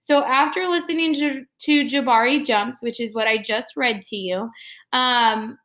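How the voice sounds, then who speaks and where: Reading a story aloud for young children, a woman teacher explains it step by step. Her voice is on the high side and fairly bright, with a measured pace.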